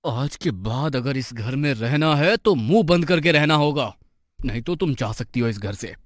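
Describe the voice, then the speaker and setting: A man's voice: medium pitch, lively intonation, moderate pace, dry recording, studio quality, lightly acted. A man voicing a harsh, controlling young husband in a cartoon story. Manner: curt, threatening. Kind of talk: cartoon voice acting.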